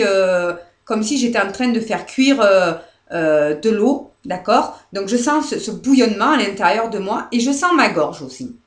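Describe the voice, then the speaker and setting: A French woman therapist guiding viewers through releasing anger, speaking softly and hesitantly, often asking "d'accord?" and near tears. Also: mid-range voice. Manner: soft, repetitive, often checks with "d'accord?"; hesitant, many fillers and restarts. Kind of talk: live guided demonstration. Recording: echoey room.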